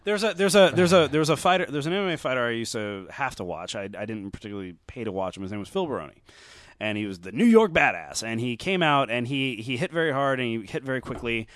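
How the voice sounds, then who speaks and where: A man talking in a relaxed podcast chat, animated and blunt, swearing freely and restarting his thoughts as he goes. His voice sits at an ordinary pitch, and the recording is close and dry with no room sound. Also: quick pace, dry recording. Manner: animated, profane, restarts a lot. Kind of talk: casual chat, film criticism.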